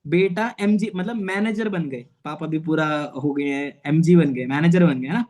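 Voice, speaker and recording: A man's voice: fairly high pitch, moderate pace, darkish tone. A man in his twenties gives an earnest, personal motivational talk as a network marketing manager. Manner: earnest, personal, often adds "theek hai". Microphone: online meeting.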